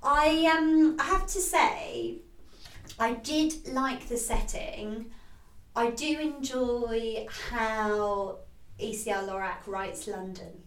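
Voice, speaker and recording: A high-voiced woman talks eagerly about a book, her voice jumping up when she gets excited. She is set back from the mic in an echoey room, and it gives her a roomy sound. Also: takes it slowly, far from the mic, slight background noise. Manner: lively and enthusiastic, animated rises. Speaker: podcast co-host. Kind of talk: casual book chat.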